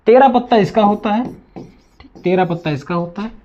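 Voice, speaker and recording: Guy teacher with a high voice, asks the class stuff then answers it himself, kinda dull lo-fi audio. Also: moderate pace, dark tone. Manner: asks questions and answers them himself, repeats words; addresses students as children. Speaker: maths teacher. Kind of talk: classroom lesson.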